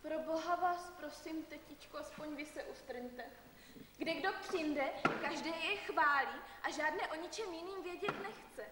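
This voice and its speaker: A woman's voice: high voice, close to an everyday voice. A young woman acting a stubborn, desperate village girl pushed toward marriage, pleading and declaiming on stage. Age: young adult. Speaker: stage actor. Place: theatre stage. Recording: echoey theatre hall, distant mic, faint noise.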